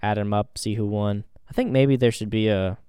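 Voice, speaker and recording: Laid-back man with a smooth, low voice. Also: steady tone, normal speed, warm tone, dry recording, clean studio sound. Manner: easygoing, hedging with ums and repeats. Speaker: podcast co-host. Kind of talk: casual sports chat.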